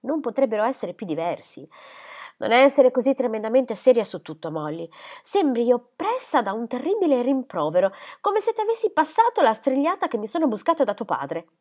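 Woman voicing a coquettish young lady, teasing and airy, lively swooping pitch, audiobook reading. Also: fairly quick.

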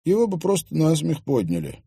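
A man narrating an audiobook and voicing the characters, with a lively delivery that lifts in pitch for dialogue. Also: a little fast, vocal fry, slightly rough, no room sound. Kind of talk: audiobook reading with voiced characters.

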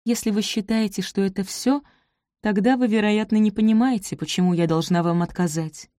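Woman reading a young maid, proud and hurt, a bit higher than her narration, dry recording. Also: fairly even intonation, brisk, no echo, close to an everyday voice. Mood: quiet, hurt. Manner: higher and tense, sometimes quiet.

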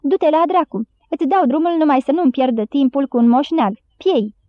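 Rude, barking patrol commander , played by a woman reader, raised and loud, tinny. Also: sits high, animated, no echo. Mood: contemptuous. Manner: barking, contemptuous. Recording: dry, tinny phone-like sound.

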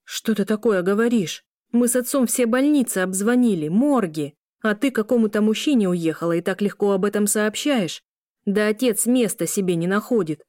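A woman voicing a stern middle-aged mother who scolds loudly. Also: medium pitch, moderate pace, no echo, clean studio sound, lightly acted. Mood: scolding. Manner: scolding, loud.

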